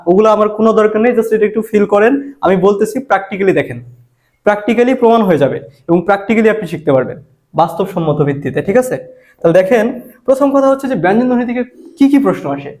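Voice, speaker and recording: Fast talking tutor guy, high voice, keeps asking and answering his own questions. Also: darkish tone. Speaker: admission exam tutor. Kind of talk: spoken grammar lesson.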